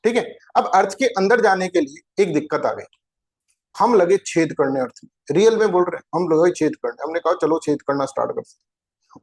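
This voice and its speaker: Teaching exam-prep geography in a voice that sits high, this man keeps things informal and talkative. He repeatedly throws rhetorical questions at his students.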